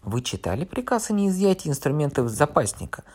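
A man voicing a thin male official who questions in a quiet, cold, bureaucratic way. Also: fairly high pitch, very animated, fairly quick, voice pushed up.

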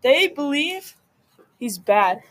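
A man's voice: extremely high pitch, big pitch swings, slow pace, fairly bright tone. A man co-hosting a casual podcast who keeps butting in with sarcastic remarks. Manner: sarcastic interjections. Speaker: co-host.

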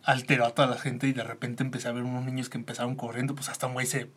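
A man's voice: mid-range voice, flat delivery, rapid-fire, slightly rough. Mexican man telling a rambling story. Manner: rambling storyteller, trails off softly. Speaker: podcast co-host. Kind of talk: casual chat.

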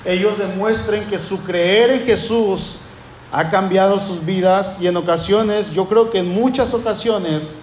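High-voiced preacher in echoey hall. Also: male voice, unhurried, a little hiss or hum. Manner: impassioned, repetitive, building emphasis. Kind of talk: sermon.

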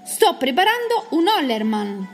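A woman's voice: sits high, very animated, a little slow, faint music behind, pitched above the performer's own voice. A woman voicing a fearless, cocky young man in a children's storybook, speaking in a brash, scolding and mocking way. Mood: bold.

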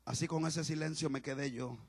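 A male pastor preaching a sermon with passion, swinging between shouts and hushed, quiet talk. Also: fairly high pitch, fairly even intonation, brisk, no echo.

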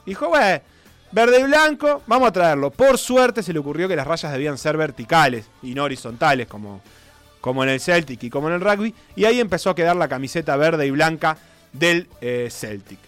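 Soft music plays behind a slightly high, brisk male voice as he spins football history tales like a casual radio co-host, animated and dramatic whenever he reads a quote aloud.

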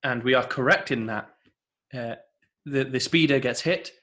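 A man's voice: medium pitch, moderate pace, bright, forceful tone. A man co-hosting a casual podcast, steadily recapping an episode's plot. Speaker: podcast co-host. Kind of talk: casual TV episode review chat.

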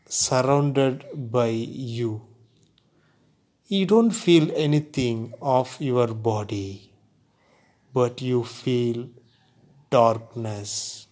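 A man leads a guided meditation in a calm voice at a medium pitch. His delivery is extremely slow and deliberate. Short phrases are set apart by long, unhurried pauses, in the measured style of relaxation instruction.

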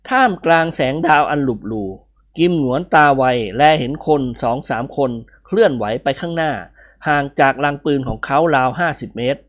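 An audiobook reader telling a comic wartime adventure with a lively voice that swings up and down. The delivery is expressive and storybook-like. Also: mid-range voice, moderate pace. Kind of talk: expressive novel reading.

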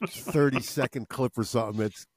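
A man's voice: medium pitch, normal speed, husky, dry recording. A man co-hosting a music podcast, easygoing and agreeable in casual chat. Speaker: co-host.

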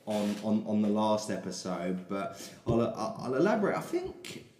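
A man with a softened South London English accent hosting a podcast in casual, blunt, sweary chat. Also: fairly low pitch, big pitch swings, moderate pace. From South London, England. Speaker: podcast host. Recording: roomy, echoey.

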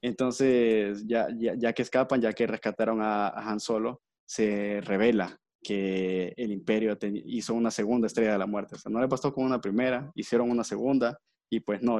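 A man's voice: on the low side, fairly even intonation, a little fast, darkish tone, no room sound. A man, co-hosting a podcast and retelling a film plot casually, acting out quoted lines and laughing often. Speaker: podcast co-host.

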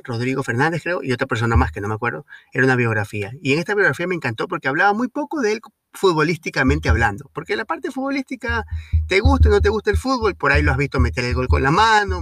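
A man hosting his own podcast, telling a travel story in a casual, lively way with fillers and the odd swear word. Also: medium pitch, no room sound, studio quality. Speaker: podcast host.

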